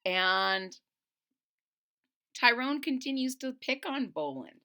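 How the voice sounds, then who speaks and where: Reading a children's storybook as host, a woman with a slightly high voice delivers the text expressively. She stresses words deliberately and breaks in with explanations.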